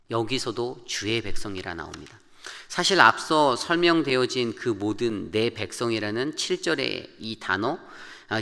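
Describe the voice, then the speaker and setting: Male pastor, sermon delivery, bright and forceful tone, earnest and measured, church reverb. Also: medium pitch. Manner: earnest, measured, quotes scripture slowly and pleads in quoted prayer. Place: church sanctuary.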